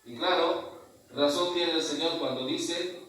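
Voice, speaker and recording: Priest preaching in a very echoey church. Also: male voice, fairly high pitch, measured pace, fairly bright tone, distant mic. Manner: rhetorical questions with frequent tag questions. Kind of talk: sermon at mass. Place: large church.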